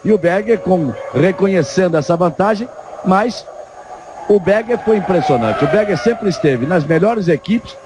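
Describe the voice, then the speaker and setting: A man's voice: sits high, lively intonation, moderate pace. A man with a Brazilian accent giving live television commentary as a motorsport commentator, calling a race. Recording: loud engine noise behind commentary.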